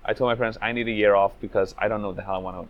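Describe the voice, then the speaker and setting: A man's voice: lowish voice, fairly even intonation, very fast, lo-fi sound. A man, telling his life story in a casual interview, loose and reflective with lots of "like" and "you know". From Venezuela, raised in Trinidad. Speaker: speedrunner interviewee.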